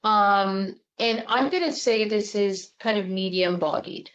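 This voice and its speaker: A woman's voice: mid-range voice, a little slow, a bit bright. Chatty sommelier woman, lo-fi sound. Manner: chatty, explains like a teacher. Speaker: sommelier host. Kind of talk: casual wine-tasting chat. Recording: dull lo-fi recording.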